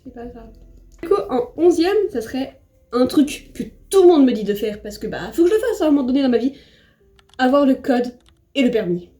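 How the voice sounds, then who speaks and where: A young woman from France chats casually while doing her makeup at home, rambling and laughing at herself, restarting sentences and filling gaps with hesitations. Her voice sits a little high but sounds soft and mellow, with quiet music underneath. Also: very animated, fairly quick. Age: young adult. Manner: chatty, rambling, self-deprecating, with many fillers and restarts. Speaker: vlogger. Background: soft background music.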